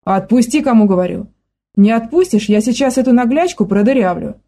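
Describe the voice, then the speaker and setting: A woman voicing a spiteful old grandmother who barks and scolds in a hoarse, smoky voice. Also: on the high side, animated, brisk, dark tone. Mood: threatening. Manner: barking, scolding.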